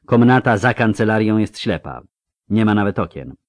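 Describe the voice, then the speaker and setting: A man's voice: lowish voice, expressive, moderate pace, no room sound, studio quality, natural voice. A man playing a curt masked assassin chief. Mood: commanding. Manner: curt, barking orders. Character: masked male assassin leader, cold and commanding.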